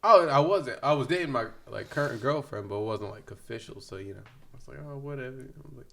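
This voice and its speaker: Young male guest, gravelly, rambling and laughing through a story. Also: medium pitch, a little fast, over a noisy crowd. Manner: laughing, rambling anecdote with slang. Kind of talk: casual storytelling.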